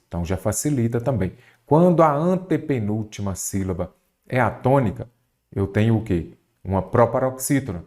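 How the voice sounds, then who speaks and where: A man's voice: mid-range voice, a little mellow. A Brazilian man teaching a Portuguese grammar lesson for exam prep, asking questions and answering them himself.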